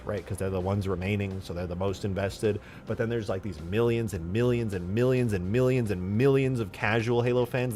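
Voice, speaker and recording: A young man streaming from home, ranting in casual chat, swinging from mutters to loud outbursts and cursing a lot. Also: on the low side.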